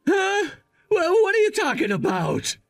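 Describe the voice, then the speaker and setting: A man's voice: very high-pitched, wildly swooping pitch, a little slow, vocal fry, faint music behind, full character voice. A man playing a disgraced, self-pitying husband in a dramatized story, whiny, defensive and desperate. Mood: confused.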